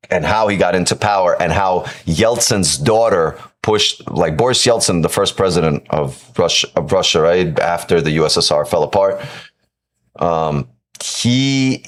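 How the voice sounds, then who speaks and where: With a deep voice, a live-stream trading host from Ukraine talks casually and with emphasis as he answers chat, frequently repeating himself and adding "right?".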